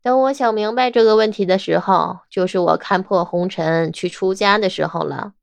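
In an audiobook drama, a woman voices a sharp, stubborn young investigator who argues about everything, in a wry, argumentative, lightly acted way. She has a medium pitch with vocal fry and speaks at normal speed, with no echo.

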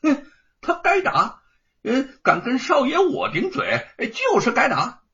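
A man voicing an arrogant young rich master who sneers and shouts orders in a high, shrill voice. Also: wildly swooping pitch, a little slow, creaky, exaggerated voice. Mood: smug. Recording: dull lo-fi recording.

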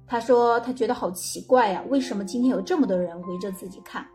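A woman narrates a story as host of her channel, her voice pitched a little high. She tells it gently and conversationally, pausing on small fillers. Soft music plays faintly underneath. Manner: gentle spoken storytelling with frequent filler pauses.

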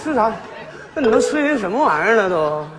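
Man, live sketch comedy, lively voice, audience noise. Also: sits high, fast, a loud crowd. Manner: animated, teasing, often laughing. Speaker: comic actor playing a father. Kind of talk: northeastern Chinese sketch comedy. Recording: live stage, hall reverb, audience.

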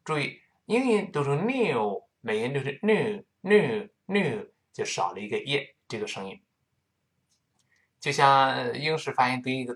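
A male English teacher in a recorded lesson, breaking words down slowly and repeating each sound many times. His voice is animated, rising and falling widely as he explains. His pitch sits in an everyday middle range for a man.

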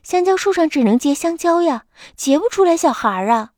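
A woman's voice: extremely high pitch, animated, fairly quick, darkish tone, dry recording, pitched above the performer's own voice. Storybook mother crocodile, coaxing and fussy, read by a woman, dry close sound. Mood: worried. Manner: fussing, coaxing. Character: doting, fussing mother crocodile.

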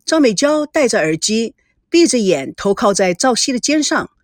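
Woman, audiobook narrator, lively pitch, dry close sound. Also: normal speed, no room sound. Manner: expressive, storytelling.

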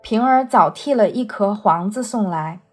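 Husky woman reading a classic novel. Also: medium pitch, expressive, normal speed, faint music behind. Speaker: reader.

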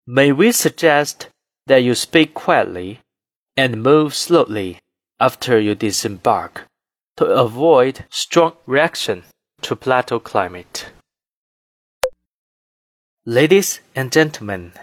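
A man reading scripted cabin announcements as a flight attendant, in a formal, measured, phrase-by-phrase manner. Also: medium pitch, no room sound, clean studio sound.

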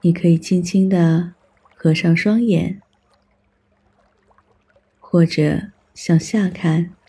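Husky, very slow, calm meditation guide. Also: mid-range voice. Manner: calm, soothing, instructional delivery with long pauses. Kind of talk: guided mindfulness meditation, scripted narration.

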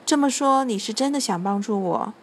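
A woman's voice: a little high, fairly quick, husky. A kindly old storybook Santa who calls out heartily and grumbles under his breath. A woman voices him without much disguise. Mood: touched.

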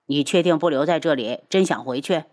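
一位女性朗读者压低嗓音演绎一位沉稳温和的男医者。. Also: female voice, low-pitched, a little fast, darkish tone, natural voice. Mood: calm. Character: calm male healer.

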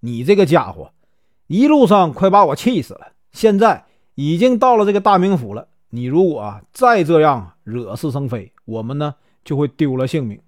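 A male storyteller voicing a shrewd, calm strategist who speaks in a measured, scheming way. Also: a little high, no echo, studio quality. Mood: scolding.

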